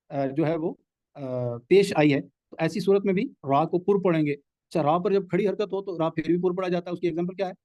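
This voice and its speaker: Male tajweed teacher, high voice, patient and repetitive, dull lo-fi call audio. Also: dry recording. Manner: patient, repeats rules and examples slowly. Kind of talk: live online class lesson. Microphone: video call.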